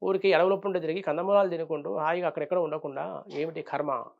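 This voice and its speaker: A man's voice: a little high, fairly even intonation, fast talker, gravelly. A man voicing a remorseful young prince. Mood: grumbling regret. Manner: complaining, self-reproaching musings. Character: young male prince, remorseful, grumbling then ashamed. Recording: dull lo-fi sound.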